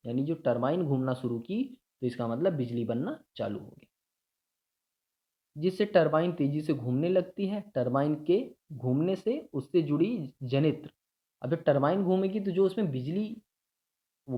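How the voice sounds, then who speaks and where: Man teaching a science lesson, lo-fi sound. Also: on the high side. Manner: explains step by step with checks like "ठीक है" and "देखिए". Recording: dull lo-fi sound.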